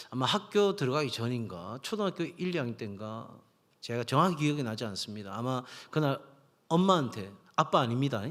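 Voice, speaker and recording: A man's voice: medium pitch, a bit bright. Middle-aged male pastor preaching. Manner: storytelling, acts out voices in anecdotes. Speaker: senior pastor. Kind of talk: sermon. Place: church sanctuary. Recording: long hall reverb.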